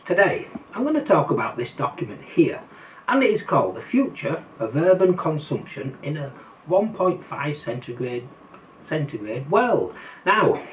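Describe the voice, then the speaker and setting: An older man with a Yorkshire accent talking casually to his viewers in a wry, skeptical way. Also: fairly high pitch. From Yorkshire, England. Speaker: political commentary vlogger. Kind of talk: casual monologue to camera. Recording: slightly distant mic, faint background noise.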